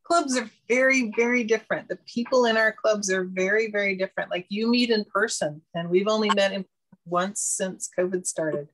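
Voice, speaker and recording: A woman's voice: mid-range voice, moderate pace, a bit bright, rough recording. A woman from a radio club explaining hesitantly, with many fillers, on a video call. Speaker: member of another radio club. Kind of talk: casual video call chat.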